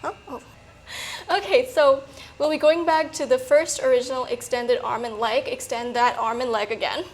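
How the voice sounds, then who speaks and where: High-pitched peppy woman workout coach, breathy. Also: fairly even intonation, normal speed, low-quality recording. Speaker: fitness coach. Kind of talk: workout instruction.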